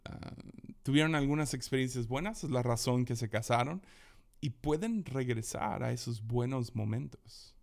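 A man's voice: medium pitch, normal speed, creaky. A young adult man, telling stories in a casual talk, acting out quotes and laughing often. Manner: animated storyteller who acts out quotes and laughs often.

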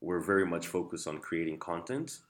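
Very deep-voiced man. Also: lively intonation, moderate pace. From Angola. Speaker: interview guest, founder of a nightlife and tourism company. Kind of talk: explanatory interview answers.

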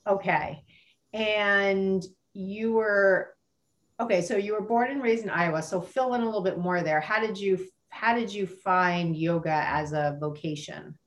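A woman's voice: medium pitch, a little slow. A woman hosting a podcast interview, talking in an enthusiastic, chatty way with fillers and restarts. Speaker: podcast host. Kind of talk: casual interview chat.

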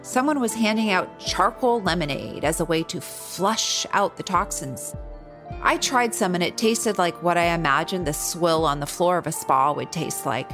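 A woman hosts a podcast and narrates from a script. Her pitch moves a lot and her delivery is wry. Faint music plays underneath. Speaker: podcast host.

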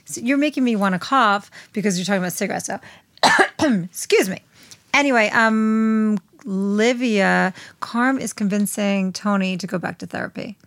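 A woman's voice: mid-range voice, normal speed, a bit bright, no room sound. A woman co-hosting a casual chat, recapping the plot with opinions of her own. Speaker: podcast co-host.

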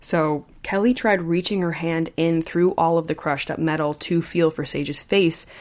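A woman's voice: sits low, normal speed. Chatty woman telling a true story. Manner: animated, chatty, says like often. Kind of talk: casual storytelling chat.

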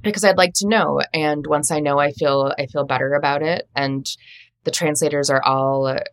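A woman's voice: sits low, steady tone, normal speed, smooth. A middle-aged woman, an editor and translator, talking chattily in an interview, with many restarts and asides. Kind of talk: casual interview talk.

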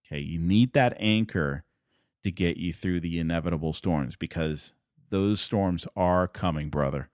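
Hosting his own motivational podcast, a man from Puerto Rico, a native Spanish speaker, talks with earnest emphasis, hammering points through repetition. He has a low, slightly mellow voice at normal speed, recorded in studio quality with no room sound.

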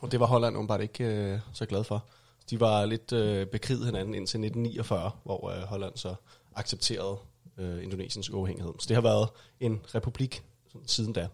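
A man giving a casual history overview in a chat, pausing with many fillers. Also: lowish voice, steady tone, vocal fry, darkish tone. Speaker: co-presenter.

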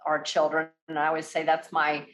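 A woman hosting a corporate podcast, speaking in a polished, effusive and measured way. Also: sits low, completely flat delivery, a bit bright. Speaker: podcast host. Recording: roomy echo.

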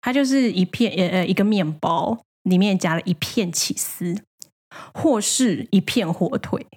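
A young woman from Taiwan, co-hosting a casual chat podcast and telling stories in an animated, playful way. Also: medium pitch, a little slow, husky. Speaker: podcast co-host.

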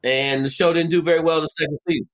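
A man who coaches football, telling stories as a guest in a profane, punchy, animated way. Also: on the high side, fast. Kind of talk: casual storytelling.

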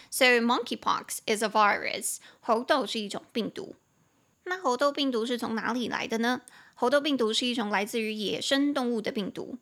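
A woman with a Taiwanese Mandarin accent teaching English on a podcast in a casual, chatty way, spelling words out slowly and drifting into asides. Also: on the high side, fairly bright tone. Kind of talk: casual spoken English lesson.

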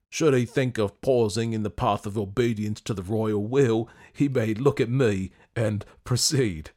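A man's voice: medium pitch, natural voice. A man voicing a courteous, menacing executioner. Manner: smooth, polite, raised tone.

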